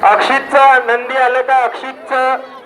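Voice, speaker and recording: A high-voiced man with a Vidarbha Marathi accent announces over an outdoor loudspeaker, formally reading out names one at a time. His delivery is slow and held to a narrow, level pitch. The sound carries from a distance, echoing across open festival grounds while a busy crowd chatters around him. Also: level tone, noisy background. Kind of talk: public address announcement. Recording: echoey loudspeaker from far off with crowd.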